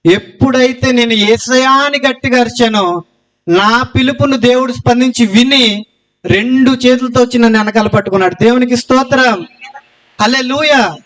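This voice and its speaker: High-voiced man giving an earnest testimony. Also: normal speed. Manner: earnest storytelling, loud cries of Jesus' name. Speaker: testimony speaker.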